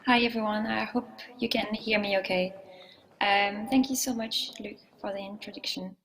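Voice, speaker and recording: A woman in her thirties speaks with a strong French accent. Her pitch sits in the middle, and she presents her work in a friendly, measured way, with small halts while she chooses her words. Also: fairly even intonation, fairly bright tone, slight background noise, low-quality recording. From France. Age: 30s. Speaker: guest speaker, live illustrator. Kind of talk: presentation talk. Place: remote call from home.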